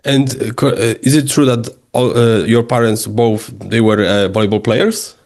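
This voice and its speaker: A man's voice: lowish voice, steady tone, moderate pace, darkish tone. Podcast host, first language Polish, man, asks questions hesitantly, searches for words. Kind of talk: interview questions.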